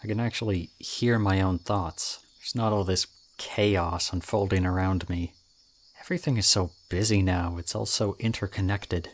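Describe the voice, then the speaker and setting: In an audio roleplay, a young adult man with a deep voice plays an odd, charming student whose manner carries a creepy intensity. He addresses the listener casually, with some hesitation.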